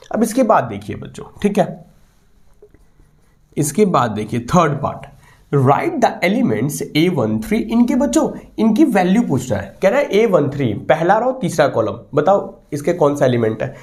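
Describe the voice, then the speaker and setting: A man teaching a maths lesson to students, talking them through each step and often checking with them. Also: a little high. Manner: animated, repeats "ठीक है" and asks students questions. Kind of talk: online maths lesson in Hindi mixed with English.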